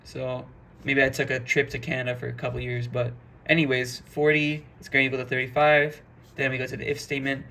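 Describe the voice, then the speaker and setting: A man explains code in a loose, conversational tutoring style, walking through each step and dropping the odd "boom." His voice has a gravelly texture with a bright, forward tone, and a faint hiss of room noise sits under it. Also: little pitch movement, fast. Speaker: programming instructor. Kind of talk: casual screen-recorded coding lesson.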